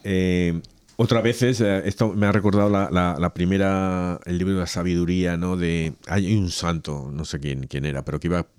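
A man's voice: sits low, steady tone, normal speed, darkish tone, clean tone, no echo. A man who reads a Gospel passage aloud and then chats casually about faith, hesitating and restarting as he talks. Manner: hesitant, restarts and laughs while chatting. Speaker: reader and co-host. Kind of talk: Gospel reading and casual religious chat.

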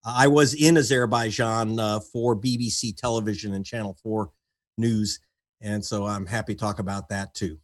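A man's voice: on the low side, fairly even intonation, normal speed. A man who is an investigative reporter, introducing himself as a guest on a panel in a self-assured way with hesitant fillers. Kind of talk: casual panel talk.

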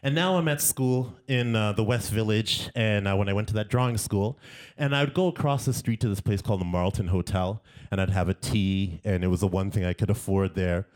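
A man, a guest artist, telling animated anecdotes in casual conversation, often laughing as he goes. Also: on the low side, brisk. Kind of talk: casual storytelling.

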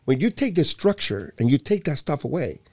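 A man from Puerto Rico who runs a youth basketball program, speaking in a casual conversation with an animated, emphatic delivery and frequent repeated words. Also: on the high side, brisk, breathy edge.

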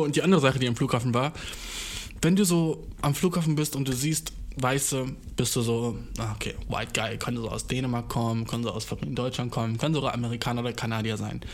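A young man, hosting a podcast and telling a story in casual, slangy speech, swearing freely and mixing in English words. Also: medium pitch. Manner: animated, jumps into exaggerated voices. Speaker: podcast host.

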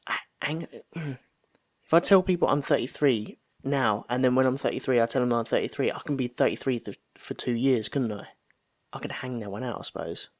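A man in his thirties, speaking at a medium pitch and a fairly quick clip, chats casually and tells anecdotes. He acts out the remarks he quotes.

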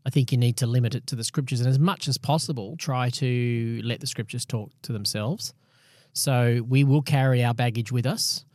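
A man's voice: medium pitch, fairly even intonation, moderate pace, a little mellow, no echo, clean studio sound. A man with a mid-range voice hosts a podcast as a pastor. He chats casually, affirming his partner and explaining his points. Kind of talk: casual conversational podcast chat.

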